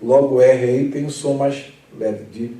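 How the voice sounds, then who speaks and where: A man's voice: medium pitch, fairly even intonation, dark tone. Man teaching scripture in an echoey room. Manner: explains patiently, reads scripture slowly and emphatically, chuckles often. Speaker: pastor and Bible teacher. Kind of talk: Bible study lesson. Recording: echoey room, mic at a distance.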